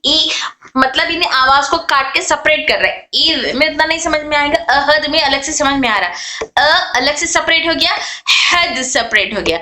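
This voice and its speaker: A woman teacher with a high, bright voice explains letter rules patiently, repeating points and drawing out single sounds slowly to show them. The lesson is recorded in an echoey room.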